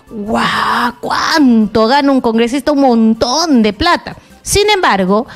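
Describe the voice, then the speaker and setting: A middle-aged woman journalist giving impassioned political commentary, indignant and emphatic, talking straight to the listener. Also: fairly high pitch.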